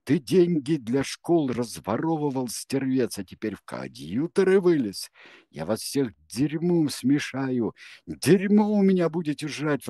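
A man voicing an indignant, contemptuous male former deputy editor with a creaky voice who sputters abuse. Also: mid-range voice, mellow, dry recording, clean studio sound, pitched above the performer's own voice, natural voice.

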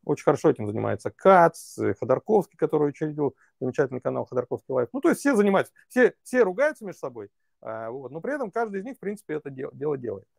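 A man's voice: fairly high pitch, sing-song, fast talker, creaky, a little mellow, no room sound, clean studio sound. A man working as a political consultant, answering interview questions in long, reasoned stretches with many fillers.

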